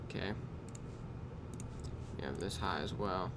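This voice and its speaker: A man casually reviewing his trading day, tired and yawning, talking in a loose, unhurried way with drawn-out pauses and the odd swear word. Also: low-pitched, very noisy. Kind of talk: casual screen-recorded trade review. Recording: clear keyboard typing in background.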